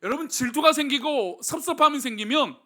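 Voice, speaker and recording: A male pastor delivers a sermon with a very high voice that leaps up and down animatedly. He keeps asking his congregation questions, moving between quiet, soft passages and loud, emphatic ones. His tone is bright and forward. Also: lively intonation, fairly quick. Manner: preaching with rhetorical questions to the congregation. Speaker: senior pastor.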